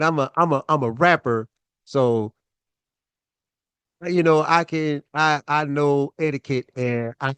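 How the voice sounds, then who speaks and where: A man's voice: mid-range voice, clear, resonant tone, no room sound. Laid-back man telling a story. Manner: laid-back, chatty, frequent fillers. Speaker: storyteller and show host. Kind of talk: casual personal storytelling.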